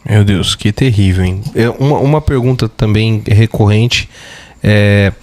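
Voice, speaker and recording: A man's voice: on the low side, measured pace, a little mellow. A man hosting a podcast, asking the guest long questions with hesitant fillers. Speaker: podcast interviewer.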